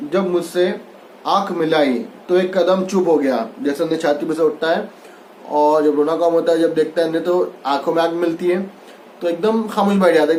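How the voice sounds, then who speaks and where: A man's voice: on the high side, darkish tone, slight background noise. A man teaching a Hindi textbook lesson. He reads a line and then re-explains it loosely, mixing in English words. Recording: echoey room.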